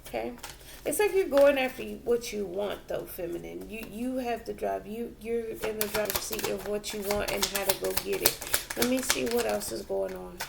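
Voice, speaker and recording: Female tarot reader, unhurried and musing, heavy vocal fry, faint background hiss. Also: mid-range voice. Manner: slow and reflective, with many fillers and restarts. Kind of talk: tarot reading for viewers.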